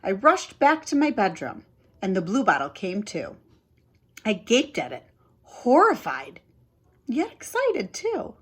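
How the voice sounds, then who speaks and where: A woman reading a children's chapter book aloud with animated, dramatic expression. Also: medium pitch, a little slow, slightly rough. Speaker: storybook reader. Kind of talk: expressive read-aloud narration.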